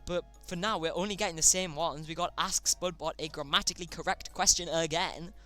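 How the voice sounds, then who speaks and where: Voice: medium pitch, steady tone, a little fast, bright, forceful tone, soft background music. A streamer casually hosting a chat game live, chatty and often tripping over words.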